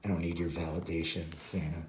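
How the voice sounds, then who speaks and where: A hoarse man voicing a young male reindeer who stands up to his boss, close to his own low voice. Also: flat delivery, a little fast, a little mellow, roomy sound, a little hiss or hum, close to an everyday voice. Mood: defiant. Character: young male reindeer, fed up but proud.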